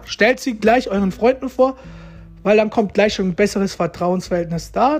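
A man's voice: sits high, darkish tone. Chatty man giving relationship tips. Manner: chatty, repeats himself, tags lines with "ja?" and "ne?". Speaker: relationship-advice vlogger. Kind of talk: casual advice monologue to viewers.

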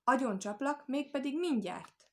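Woman voicing a gruff threatening storybook wolf. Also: mid-range voice, close to an everyday voice. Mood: menacing. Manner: growling, threatening. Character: big angry boastful male wolf.

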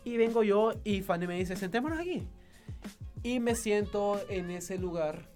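A young man, casually telling a lively story and acting out the people in it. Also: high-pitched, measured pace, faint music behind. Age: young adult. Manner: animated, acts out voices of people in his story.

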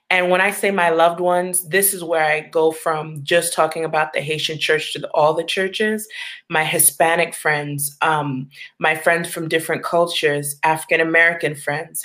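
A woman's voice: sits low, fairly bright tone. A woman from Long Island, New York, speaking candidly and reflectively as an interview guest, laughing easily.

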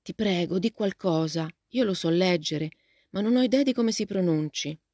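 A woman voicing a lively, outspoken teenage girl in a storybook reading, asking eager, gushing questions. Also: fairly low pitch, moderate pace, no room sound, clean studio sound, natural voice. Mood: excited.

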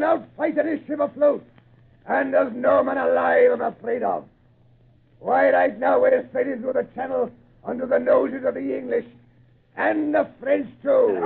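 An actor playing a boastful, bloodthirsty, fearless pirate captain, declaiming in an old-time radio drama. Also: male voice, extremely high pitch, gravelly, slightly rough, full character voice. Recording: tinny, narrow-band old radio recording.

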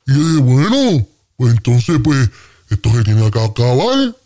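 A man's voice: mid-range voice, big pitch swings, unhurried, dark tone. A man with a Puerto Rican accent on a comedy radio show, boasting through an exaggerated story full of slang and sung sound effects.

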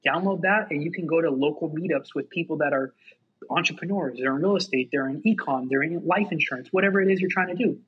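Man, podcast guest, very raspy voice, rapid-fire, energetic, lots of "like", dull lo-fi recording. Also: a little high. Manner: energetic, fast, heavy use of "like". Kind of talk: casual motivational chat. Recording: dull lo-fi sound.

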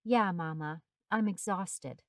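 A woman's voice: on the low side, slow pace, no room sound, studio quality, voice pushed down. A woman voicing an exhausted nurse and mother who stays weary but firm.

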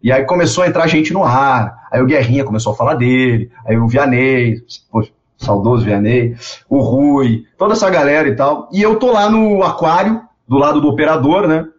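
A man, telling stories in a casual interview, animated and repeating words as he goes. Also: medium pitch, moderate pace. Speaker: guest. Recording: dull lo-fi sound.

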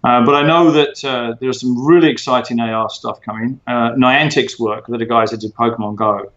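A man's voice: medium pitch, fairly even intonation, a bit bright. Man explaining in a roomy, dull recording. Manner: measured, explanatory, many fillers and restarts. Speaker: interview guest, former tech executive. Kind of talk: conversational interview.

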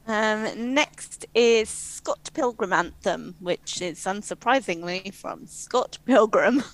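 Woman, casual chat, slow unhurried delivery, giggly. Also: medium pitch, expressive, low-quality recording. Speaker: podcast co-host.

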